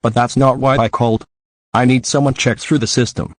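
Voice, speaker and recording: A man reading the part of a cool, guarded young female spy in a deadpan tone. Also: mid-range voice, fairly quick, no echo, studio quality, natural voice.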